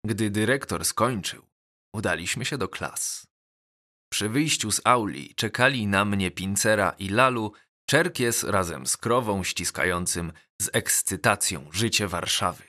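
A male audiobook narrator telling a novel in first person. He reads slowly and deliberately, his lowish voice carrying a bright, clear edge. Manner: measured, deliberate reading.

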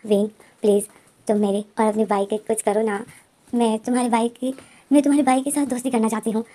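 A woman's voice: a little high, level tone, brisk, dark tone, close to an everyday voice. A woman voicing a bubbly teenage schoolgirl with a crush, alternately pleading and teasing.

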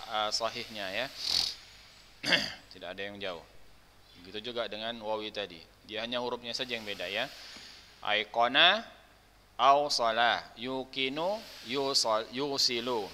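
A man's voice: fairly low pitch, pushed and bright, big-room sound, a little hiss or hum. A man teaching an Arabic grammar class, reciting verb patterns and calling on students by name, patiently asking them to speak up. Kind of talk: online class drilling word forms.

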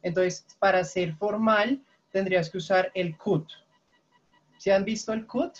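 A woman's voice: mid-range voice, steady tone, a little slow. A woman teaching an English class over a video call, explaining grammar patiently and checking often for questions. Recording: lo-fi online call audio.

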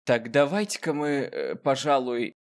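Male gaming host, mid-pitched, casual, sarcastic commentary aimed at the character on screen. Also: very animated, normal speed, a little hiss or hum. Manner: sarcastic, talks to the game character. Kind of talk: casual joking gameplay commentary.

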